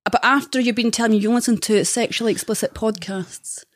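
A woman's voice: fairly high pitch, brisk, no echo, studio quality. A young woman, a podcast guest, chatting candidly and telling dating stories with plenty of laughter. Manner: candid, chatty storyteller who laughs often.

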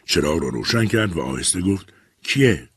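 A man narrating an audiobook story in a measured, calm storytelling manner. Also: low-pitched, breathy edge. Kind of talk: scripted narration.

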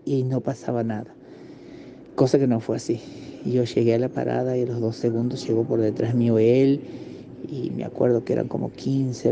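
Dark-voiced Argentine man in his fifties. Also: mid-range voice, vocal fry, dull audio, slight background noise. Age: 50s. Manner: measured, halting storytelling with pauses and restarts. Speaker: interviewee giving testimony. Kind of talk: personal testimony, recounting a memory.

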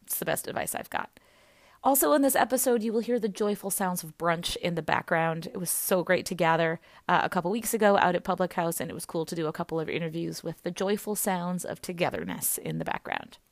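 A woman co-hosting a team podcast, chatting casually in an upbeat way with a loud voice and many fillers. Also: lowish voice, expressive, fairly quick, no room sound, studio quality. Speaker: podcast co-host. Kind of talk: casual chat.

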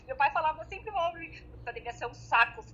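A woman, a medical student, chatting casually on a phone line, talking in halting bursts with lots of fillers and laughter. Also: high voice, animated, bright, forceful tone. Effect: heard over a phone line. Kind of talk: casual group chat on a call.

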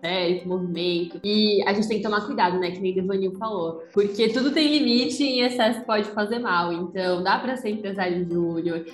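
A woman hosts a casual podcast conversation in a loose, informal way. Her voice sits at a middle pitch and rings in a roomy space. Soft music plays behind her. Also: a little fast, hardly any pauses. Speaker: podcast host.

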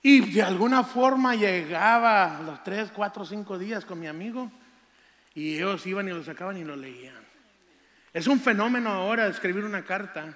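A man's voice: sits high, lively intonation, a bit bright. Older preacher man in a reverberant hall. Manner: fervent, drawn-out scripture reading, folksy storytelling. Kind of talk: sermon testimony.

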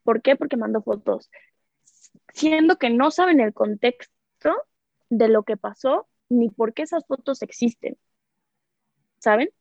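A woman's voice: fairly high pitch, unhurried, long pauses, a little mellow, no echo. Candid Mexican young woman, muffled dry sound. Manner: candid, rambling with many fillers. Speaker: podcast guest. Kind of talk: personal storytelling in casual chat.

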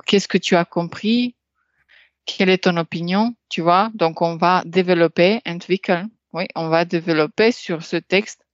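A woman tutoring in a casual language exchange, explaining patiently with many pauses and fillers. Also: lowish voice, no room sound, highs cut off. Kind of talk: casual tutoring over a call.

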